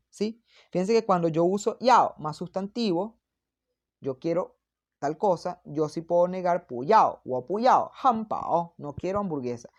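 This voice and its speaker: A woman with a slightly low voice gives a patient, explanatory language lesson. She repeats her examples slowly and carefully, as if for learners following along. She often drops in short checking questions and fillers. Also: a little mellow. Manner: frequent checking tags and fillers. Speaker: Mandarin teacher.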